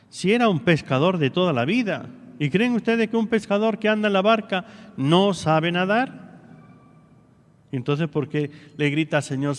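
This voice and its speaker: A man's voice: on the high side, in a large hall. A priest giving a homily, preaching earnestly and asking his listeners one rhetorical question after another.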